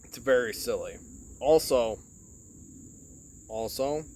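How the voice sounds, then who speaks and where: This man's mid-range voice is expressive and darkish, and he takes it slowly; a little hiss or hum is audible. He's a Michigan podcast host delivering a casual, rambling monologue into his phone, full of swearing and filler words such as "like" and "you know."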